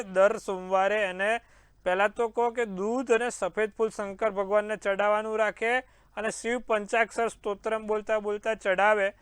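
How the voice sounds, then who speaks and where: Male horoscope host, dry close sound, high voice, reassuring, confident forecasts. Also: a bit bright, smooth, dry recording. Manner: confident, reassuring, addresses viewers as sir. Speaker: astrologer host. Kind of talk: horoscope forecast and call-in advice.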